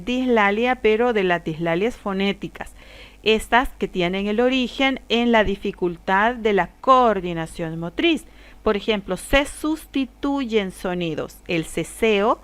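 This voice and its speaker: A woman teacher giving a recorded lesson, explaining carefully and slowing down to demonstrate sounds. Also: medium pitch, clear, resonant tone. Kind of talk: recorded lesson on speech disorders.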